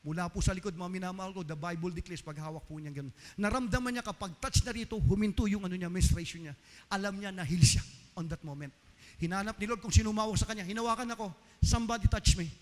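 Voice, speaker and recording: A man's voice: high-pitched, fast, long reverb tail. A man preaching a fervent sermon and mixing in English, who keeps calling out to the congregation as his beloved. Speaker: pastor.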